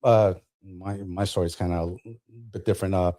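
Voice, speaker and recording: Retired Marine guest from Colombia, low voice, hesitant and good-humored. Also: male voice, level tone, fairly quick, mellow. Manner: hesitant with many uhs, easy humor. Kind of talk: casual interview storytelling.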